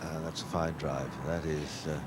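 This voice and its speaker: A deep-voiced male golf commentator muses conversationally over the play in short fragments. Loud outdoor ambience runs through the whole broadcast recording. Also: little pitch movement, moderate pace, very noisy.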